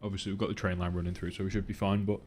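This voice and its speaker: A man's voice: low voice, level tone, racing, darkish tone, a little hiss or hum. A tired, hungover British man giving casual, rambling gameplay commentary as he thinks aloud. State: hungover and tired, on four hours' sleep. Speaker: gaming video host.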